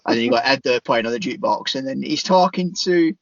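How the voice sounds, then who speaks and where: A man's voice: medium pitch, animated, quick pace, dry recording, muffled recording. A man co-hosting a podcast, talking hesitantly about films and repeating himself. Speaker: podcast co-host. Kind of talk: casual film chat.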